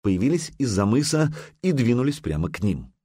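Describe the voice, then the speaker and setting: A man reading an audiobook in a measured, even narration. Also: mid-range voice, slightly rough.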